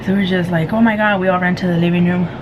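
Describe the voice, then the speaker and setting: A woman telling a story casually to viewers in an animated, giggly way, acting out what people said. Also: on the low side, very fast, muffled recording, noisy background. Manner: giggly, animated retelling with acted-out quotes. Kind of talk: casual storytelling chat to camera.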